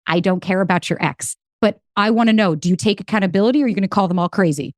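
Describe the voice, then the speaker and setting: A woman guest on a podcast, telling stories and giving dating advice in a lively, emphatic way. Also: medium pitch, no room sound, clean studio sound. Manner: animated storyteller, fast and emphatic. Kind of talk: casual interview chat.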